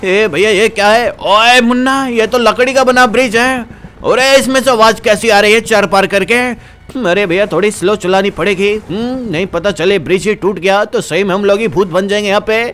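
A man's voice: high-pitched, brisk, fairly bright tone. A young man, chatting casually to viewers as he plays a game. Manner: chatty, informal, addresses viewers. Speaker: gaming channel host. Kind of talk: casual game commentary with role-play.

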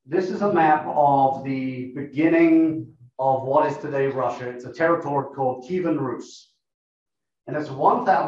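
A guest professor with a fairly high, slightly mellow voice and a non-American English accent lectures from slides in a meeting room. He is measured and explanatory, frequently filling pauses with "uh," and the recording sounds distant, echoey, dull and lo-fi.

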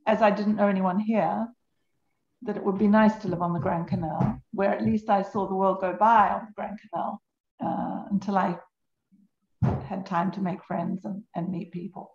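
An older New Zealand woman, an interview guest, tells her own story in unscripted conversation from her home on a Venice canal. Her medium-pitched voice has a darkish tone and fairly even intonation at normal speed. The room is echoey and the sound slightly dull.

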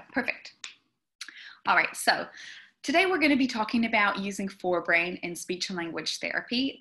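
Her medium-pitched voice has a sharp tone. She is a young speech therapist from New Zealand giving a conversational, explanatory webinar on a video call, using many fillers, captured by a webcam in an indoor room with plants behind her.

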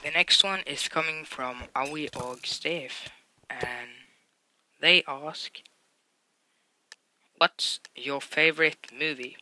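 A young man reading out viewer questions for his gaming channel and answering them in an offhand, deadpan way. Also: on the high side, slow, long pauses. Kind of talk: casual Q&A vlog.

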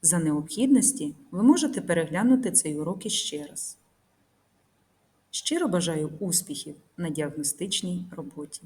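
Low-voiced teacher dictating slowly. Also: female voice, expressive, warm tone. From Ukraine. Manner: slow, carefully dictated example sentences. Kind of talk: scripted grammar lesson narration.

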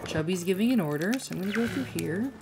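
A woman hosting a let's play, chatting casually and thinking out loud as she plays. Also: fairly low pitch, lively intonation, quick pace. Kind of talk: casual gameplay commentary. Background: loud game music.

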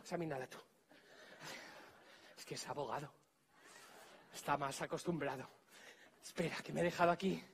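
A man with a Spanish accent performing a live comedy magic act, teasing volunteers and giving them quick orders on stage. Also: a little high, a little hiss or hum.

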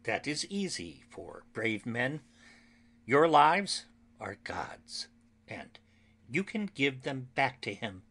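A man reading an audiobook, voicing an anguished, earnest young woman who pleads solemnly and slowly with her friends. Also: medium pitch, big pitch swings, a bit bright, breathy edge, heavily acted. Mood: solemn pleading. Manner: solemn, slow, pleading delivery.

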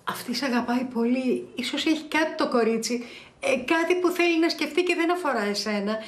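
Actress as a fussing, soothing mother; high-pitched, roomy sound. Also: natural voice. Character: doting mother comforting her son. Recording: roomy echo.

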